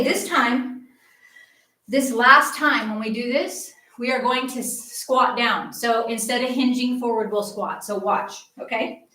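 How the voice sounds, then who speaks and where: A woman's voice: fairly high pitch, a bit bright, recorded from a distance. A middle-aged woman leading a live movement class as a yoga instructor, encouraging and chatty as she coaches each pose, a little out of breath. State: slightly out of breath. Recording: echoey room, voice from off-mic.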